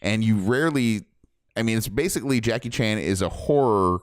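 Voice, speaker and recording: Young male podcast co-host, resonant lowish voice, animated rambling film chat, dry sound. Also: fairly quick, smooth, dry recording. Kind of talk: casual film review chat.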